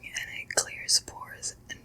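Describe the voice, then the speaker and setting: A woman whispering softly and slowly through a pampering facial and calm breathing guidance. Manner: soft unvoiced whisper, slow soothing guidance. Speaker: ASMR creator. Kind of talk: ASMR whispered facial role-play.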